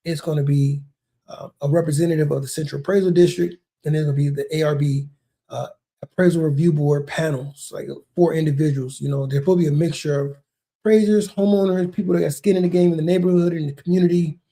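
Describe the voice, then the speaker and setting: Gravelly-voiced man explaining casually. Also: a little high, steady tone, fast talker, mellow. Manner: conversational, repeats words, says man and bro. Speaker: realtor and video host. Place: lives near a large Texas city.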